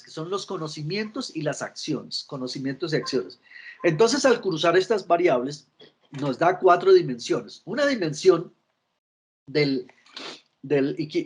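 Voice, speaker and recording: Husky and fairly high-pitched, this middle-aged man's voice carries a virtual talk on emotional intelligence. He often restarts, repeats words, and checks in with listeners to seek their agreement.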